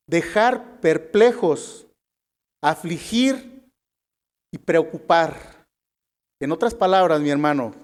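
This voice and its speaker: A male preacher with a Mexican Spanish accent delivers a sermon and reads scripture aloud. He speaks slowly and deliberately, in a fairly high voice. He keeps calling the congregation his brothers. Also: darkish tone.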